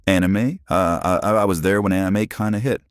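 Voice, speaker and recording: Talking a little fast, this man, an Arizona-based channel host in his forties, rambles into a phone and keeps starting over. A voice changer drops his pitch very deep, and the dry recording has studio quality.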